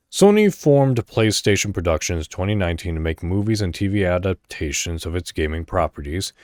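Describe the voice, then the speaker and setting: A man with a low voice hosts a one-person podcast, keeping things loose and conversational while rambling and occasionally reading articles aloud. The sound is clean studio audio with no echo.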